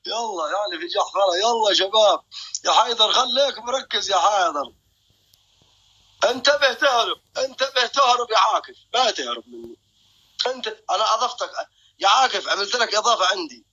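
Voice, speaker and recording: A man's voice: sits high, animated, fairly quick, bright, forceful tone, slightly rough, dull audio. A young man hosting a live stream. He jokes, boasts and keeps calling out to his viewers.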